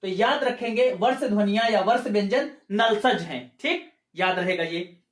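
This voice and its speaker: A man's voice: high voice, normal speed. A man teaching an exam-prep grammar lecture, explaining step by step, asking rhetorical questions and checking in with his students. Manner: repeats points and checks in with "ठीक है". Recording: echoey room.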